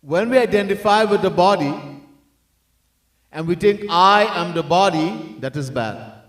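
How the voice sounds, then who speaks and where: Teaching as a swami in a temple hall, a man speaks in a high-pitched, somewhat bright and animated voice at a measured pace. He earnestly repeats key points of his devotional discourse and occasionally sings verses as chants, with echoey sound from a distant mic.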